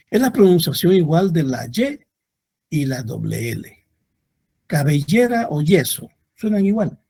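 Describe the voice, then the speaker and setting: A male university lecturer, teaching at an unhurried, deliberate pace. His voice has a husky, slightly breathy grain, and his pitch rises and falls in a lively way as he repeats examples for the class.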